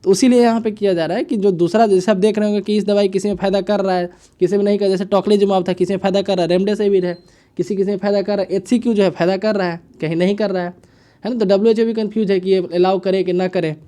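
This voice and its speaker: A man with a high but mellow voice walks through the day's news like a teacher at a whiteboard. He talks casually and repeats himself, tossing in little checks to his listeners, and he slows down to read English phrases haltingly. He comes across as an explainer, not a presenter. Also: fairly even intonation. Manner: casual, repetitive, frequent "है ना" and "ठीक है" checks; mixes English phrases into Hindi, reads headlines haltingly. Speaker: current affairs teacher. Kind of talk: explaining news analysis to students.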